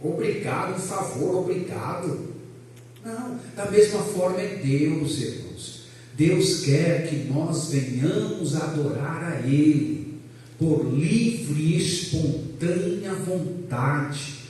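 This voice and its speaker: A high-voiced pastor from São teaches a church class, his pitch swinging widely as he jokes and puts questions to the room. He talks loudly and with a lot of energy. The recording is echoey and picked up from some distance. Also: slow. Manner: loud, animated, jokes with the class and asks them questions. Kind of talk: lively church class lecture.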